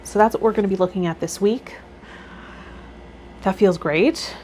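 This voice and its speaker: This low-quality recording, with noticeable background noise, captures a woman with a warm, medium-pitched voice speaking at normal speed. She's a tarot vlogger and healer hosting a series, reading card meanings and chatting casually about them.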